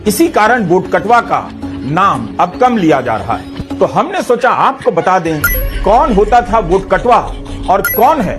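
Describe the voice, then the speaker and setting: A speaker giving a comic political voice-over, narrating with lively intonation. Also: mid-range voice, measured pace, over music.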